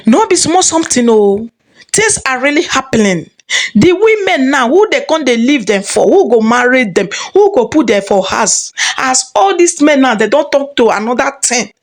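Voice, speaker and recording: A woman's voice: sits high, sing-song, moderate pace. A woman host with a Nigerian accent, exclaiming and firing off rhetorical questions as she talks to her viewers. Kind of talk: commentary to camera.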